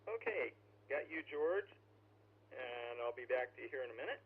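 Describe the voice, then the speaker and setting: A man's voice: mid-range voice, animated, normal speed, husky. A man with a chatty, folksy manner hosts a casual amateur radio net like a pirate radio broadcast, heard over a two-way radio. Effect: two-way radio transmission. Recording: tinny narrowband radio transmission, faint hum.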